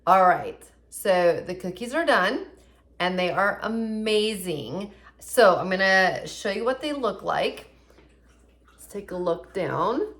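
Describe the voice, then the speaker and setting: A woman's voice: medium pitch, animated, takes it slowly, fairly bright tone. A woman with a mid-range voice hosts a home cooking video from her kitchen. She walks the viewer through each step in a chatty, upbeat, everyday way. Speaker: cooking show host. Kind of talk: casual cooking demonstration.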